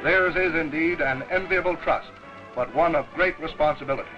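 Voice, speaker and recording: A man giving brisk, declamatory scripted narration for an old newsreel. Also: fairly high pitch. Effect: old newsreel sound. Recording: dull lo-fi 1940s newsreel soundtrack with music. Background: music.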